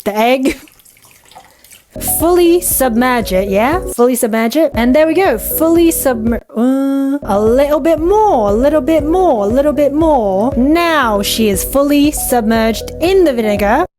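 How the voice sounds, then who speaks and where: A woman's voice: fairly low pitch, unhurried, few pauses, mellow, faint music behind, voice pushed down, natural voice. A woman voicing a female science teacher in a put-on accent, giving theatrical instructions to a class. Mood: instructive.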